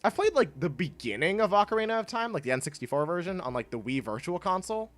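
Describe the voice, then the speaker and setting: With a high, slightly bright voice, a young man talks quickly and very animatedly during a casual livestream, reading and answering chat. His sinuses are clogged so he sounds stuffy, and he rambles, frequently breaking off to laugh.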